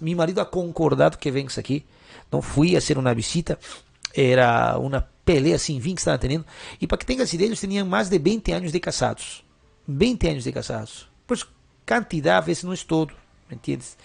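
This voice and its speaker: The speaker, a middle-aged pastor, has a fairly high voice that's creaky and husky. Offering advice through a question-and-answer sermon, he asks rhetorical questions and ends his lines with short tag checks again and again.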